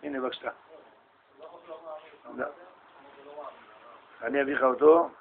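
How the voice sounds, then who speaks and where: A middle-aged man from Israel giving a lively storytelling sermon as a rabbi, acting out voices and bantering with his listeners. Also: medium pitch, creaky, narrow, tinny audio. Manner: animated, acts out voices and shouts in stories, banters with listeners. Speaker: rabbi giving a Torah lesson.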